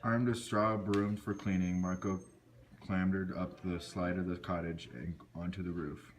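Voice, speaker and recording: A man reads scripted storybook narration for an amateur puppet show in a low, flat voice at a measured pace. The recording is noisy, amateur and full of clicks.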